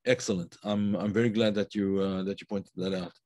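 A man teaching a live online class, unhurried and thinking aloud with many fillers and restarts, stopping to praise viewers' comments. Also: lowish voice, steady tone, a little mellow, no room sound. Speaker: Kabbalah teacher.

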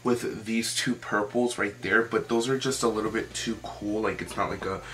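A man's voice: fairly low pitch, steady tone, moderate pace, a bit bright. A young man giving a casual, chatty makeup tutorial in an informal way, with lots of "like". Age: young adult. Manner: chatty, informal, often says "like". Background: music.

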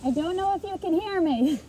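Young woman, muffled through a snorkel mask, very high voice, swooping pitch, giggly, noisy pool ambience. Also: expressive, normal speed, warm tone. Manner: giggly and chatty. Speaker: vlogger. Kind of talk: casual product review. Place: backyard pool.

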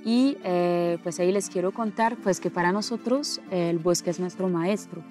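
A French woman in her thirties, a landscaper and environmental activist, speaking earnestly outdoors in a documentary interview, pausing often with fillers. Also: lowish voice, a little mellow, soft background music. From France. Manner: earnest, hesitant with many fillers. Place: outdoors in hilly countryside.

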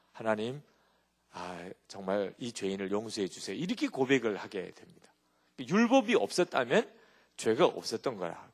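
Lively male pastor preaching. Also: mid-range voice, creaky, breathy edge. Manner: animated storytelling with rhetorical check-ins to the congregation. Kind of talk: sermon.

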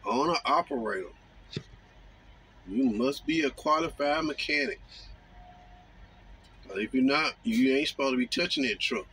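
A man talking casually from his parked truck cab, drawling and mocking with slow, emphatic phrases, recorded on a phone on the dashboard. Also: mid-range voice, bright, forceful tone, slight background noise. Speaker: truck driver vlogger. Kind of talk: casual monologue.

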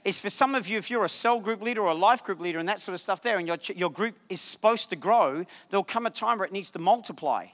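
A man preaching a lively sermon, his voice high and bright as he jokes with the congregation and shouts key points. The sound carries the long reverb of a church sanctuary. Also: fast, hardly any pauses. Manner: animated, jokey, shouts for emphasis. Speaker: guest preacher.

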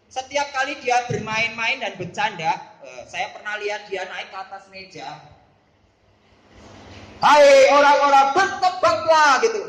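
High-voiced man teaching a Bible class. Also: a bit bright, roomy sound, low-quality recording. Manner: playful, calls on pupils by name and quizzes them.

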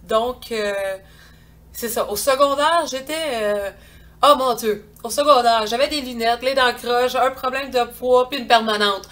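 A woman's voice: a little high, measured pace, a bit bright. Earnest Quebec woman in her thirties. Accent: Quebec French. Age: 30s. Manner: earnest, hesitant with many fillers. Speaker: vlogger. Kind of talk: casual chat to camera. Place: indoors, small hallway. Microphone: webcam at close range.

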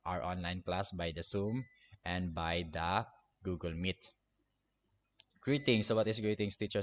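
A man in his twenties from the Philippines, an English teacher slowly walking an online class through a review, repeating each point. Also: low voice. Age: 20s. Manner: slow, repetitive classroom explaining. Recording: dull lo-fi online class audio.

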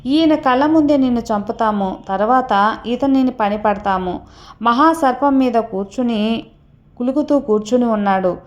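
A woman's voice: fairly high pitch, a little slow, lo-fi sound, natural voice. A woman voicing a pair of arrogant male demons who speak in a taunting, scornful way.

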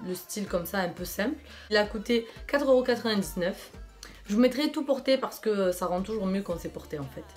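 A young woman from France chatting casually through a clothing try-on haul, enthusiastic and full of fillers. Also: mid-range voice. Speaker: fashion vlogger.

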